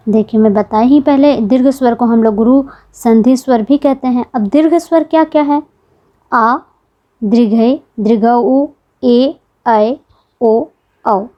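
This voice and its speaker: A woman's voice: a little high, mellow, lo-fi sound. A woman teaching an exam-prep grammar lesson, patiently repeating key points and asking the class questions.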